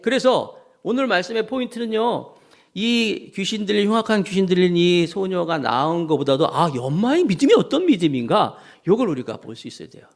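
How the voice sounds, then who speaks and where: A man preaching a sermon as senior pastor, animated and acting out scripture scenes, leading the congregation in call-and-response. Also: high-pitched, a little fast.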